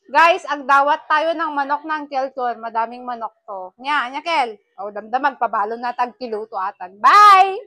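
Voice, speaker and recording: At a village gathering, a woman with an Ilocano accent jokes with the camera and teases small children, switching between languages in casual vlog chat. She speaks at normal speed with few pauses, her high-pitched voice bright, forceful and lively in intonation.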